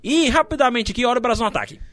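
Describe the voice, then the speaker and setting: A Brazilian man co-commentating a live football match in an informal, partisan way. His voice is high for a man, with a dry, close sound. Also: animated, very fast, a bit bright, no room sound.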